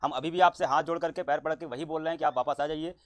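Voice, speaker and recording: Man, fairly high voice, earnest, reassuring, dry sound. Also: fairly even intonation, fast talker, dry recording.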